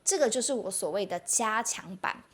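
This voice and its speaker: Give me a patient young female teacher, slightly high voice. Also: lively intonation, normal speed, breathy edge. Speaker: Mandarin teacher. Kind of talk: podcast-style spoken lesson.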